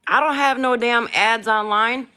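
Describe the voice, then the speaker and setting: A woman's voice: on the high side, steady tone, measured pace, pushed and bright. Blunt, swearing woman from Flint. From Flint, Michigan. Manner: blunt, swears often, heated. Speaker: live stream host. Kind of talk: casual live chat.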